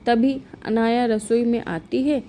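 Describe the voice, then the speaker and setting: A woman narrating a scripted moral story in a calm, even storytelling manner. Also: a little high, slow pace, a little hiss or hum.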